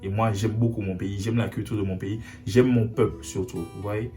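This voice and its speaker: Young man from Haiti, low mellow voice, earnest and insistent vlog delivery over soft guitar. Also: steady tone, normal speed. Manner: earnest, repeats himself for emphasis. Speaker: vlogger. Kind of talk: personal video message. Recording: faint guitar music behind.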